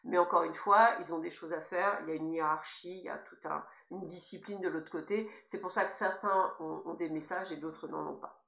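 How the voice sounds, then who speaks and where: A woman's voice: fairly low pitch, steady tone, fairly quick, vocal fry, a bit bright. A woman with a lisp on her s sounds gives informal spiritual guidance, speaking emphatically and encouragingly straight to her listeners. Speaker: spiritual guide giving guidance messages. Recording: echoey, reverberant room sound.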